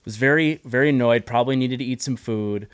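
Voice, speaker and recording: A man's voice: medium pitch, a little fast, clean tone, no echo, clean studio sound. A man hosting a podcast, telling a personal story in an earnest, heartfelt way, often restarting his sentences. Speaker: podcast host. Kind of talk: casual podcast conversation.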